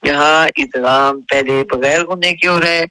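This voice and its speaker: A man gives a tajweed lesson. He draws out each recited verse in a bright, slightly raised voice, then switches to brisk explanations dotted with checking questions. The recording is close and dry, with no room sound. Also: fairly high pitch, fairly even intonation, clean tone, no room sound, rough recording. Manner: slow, drawn-out recitation alternating with brisk spoken explanations; checks understanding with repeated rhetorical questions. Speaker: Quran recitation teacher.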